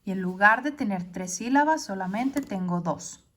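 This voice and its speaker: Female teacher, explains patiently step by step, checks in with short questions, mid pitch. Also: animated, normal speed, a bit bright. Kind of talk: classroom lesson on poetry.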